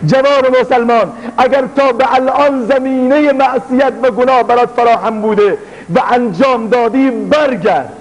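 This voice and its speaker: A man's voice: very high-pitched, long reverb tail, muffled recording. A male preacher delivering a sermon, telling a story dramatically and acting out the people in it. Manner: storytelling, acting out speakers in the tale; dramatic, chanting prayers and verses.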